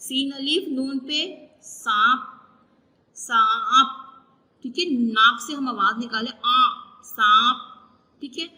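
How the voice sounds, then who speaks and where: A woman's voice: high voice, measured pace, few pauses, sharp tone, in a large hall, rough recording. A woman teacher giving a recorded class lesson, patiently spelling out letters and drawing out each sound.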